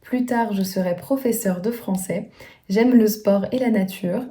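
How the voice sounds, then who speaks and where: Young woman vlogging in a mellow voice. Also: medium pitch, slight background noise. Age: 20s. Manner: tries out foreign words slowly, sometimes under her breath. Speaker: vlogger learning a language. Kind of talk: casual vlog narration.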